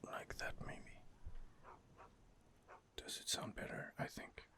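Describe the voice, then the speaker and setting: Here a male let's play host offers whispered ASMR remarks on his gameplay, speaking softly and tentatively into a close home microphone and often stalling on fillers.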